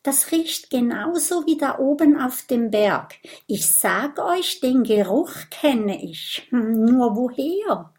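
Woman doing a squeaky excitable little creature. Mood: curious. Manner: eager, indignant, high and fast. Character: small excitable creature with keen nose.

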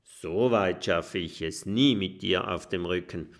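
A man's voice: low-pitched, a little slow. A man voicing a young boy dragon in a children's audiobook, eager and adventurous. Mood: musing.

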